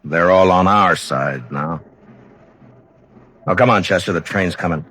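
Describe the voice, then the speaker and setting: A man acting a tough, weary, commanding Old West marshal in a 1950s radio western, gruff and terse, with an American accent. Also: low voice, a little slow, a bit bright. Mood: weary, bitter. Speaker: radio actor.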